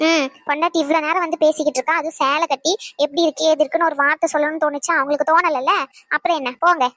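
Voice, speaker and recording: A woman's voice: high-pitched, fairly even intonation, very fast, pushed and bright, no room sound. A woman voicing a cheerful, loving pregnant young wife in a cartoon, coaxing and teasing her husband. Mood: playful. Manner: coaxing, playful, giggly. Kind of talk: cartoon voice acting.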